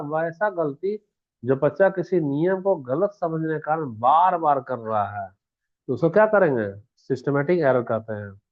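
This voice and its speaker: A man teaching an exam-prep lesson, who poses questions to the class and answers them himself. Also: on the high side. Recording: tinny phone-like sound.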